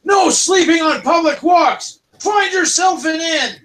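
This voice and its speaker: A man voicing stern male kobold city guards who shout and scold. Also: very high-pitched, unhurried, pitched above the performer's own voice.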